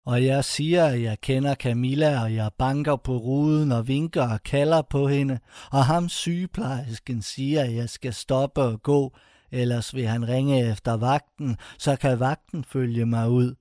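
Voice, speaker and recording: A man reads a first-person short story aloud in a mellow, warm voice. The sound is dry and close, with no room around it. His telling is intense and bitter. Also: medium pitch, fairly even intonation, dry recording. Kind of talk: scripted first-person narration.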